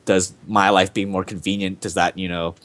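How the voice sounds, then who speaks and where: A man's voice: deep voice, little pitch movement, normal speed, fairly bright tone, a little hiss or hum. A young man hosting a casual podcast, talking in a rambling, enthusiastic way full of fillers. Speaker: podcast host.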